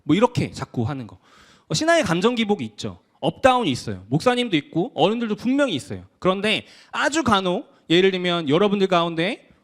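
Lively high-voiced young male pastor. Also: quick pace. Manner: conversational, acts out quoted voices of teens. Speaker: youth pastor. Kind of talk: casual youth sermon.

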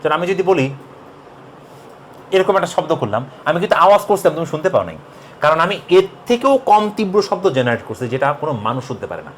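A man's voice: fairly high pitch, rapid-fire, slight background noise. A young man teaching a casual physics lesson, joking and talking straight to the viewers. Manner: lively, jokey, talks to viewers as you. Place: classroom recording.

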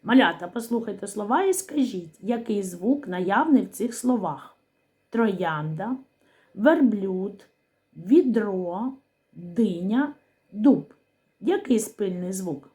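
A primary school teacher with a Ukrainian accent gives a slow literacy lesson to young children in a mellow, mid-range, animated voice. She speaks slowly and articulates clearly, working through questions and answers with pauses.

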